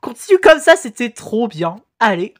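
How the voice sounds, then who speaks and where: A woman from France giving animated, laughing reaction commentary on fan animations, swearing casually. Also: on the high side, normal speed. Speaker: YouTube reactor.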